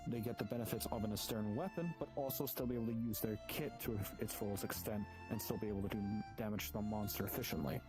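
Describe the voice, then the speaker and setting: Over background music, a man with a lowish voice improvises an in-character orientation as a hunter guild guide, speaking fast with hardly any pauses. He explains things politely and at length, and the audio quality is poor.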